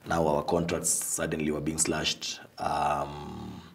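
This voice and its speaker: A man's voice: very deep voice, monotone, takes it slowly, creaky. A man, a former athlete speaking outspokenly and with indignation in an interview. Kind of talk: candid interview account.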